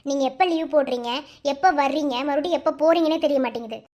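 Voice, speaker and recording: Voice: sits high, fast talker, a little mellow, voice pushed down, lightly acted. A performer voicing a formal young office woman in a cartoon, firm and reserved. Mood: stern. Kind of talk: animated cartoon voice acting.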